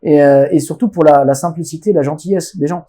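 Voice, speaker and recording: A man from France telling stories as a podcast guest in a casual, animated way, often restarting phrases and acting out dialogue. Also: on the high side, fairly quick. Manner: animated, many restarts, acts out quoted dialogue. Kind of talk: casual conversational storytelling.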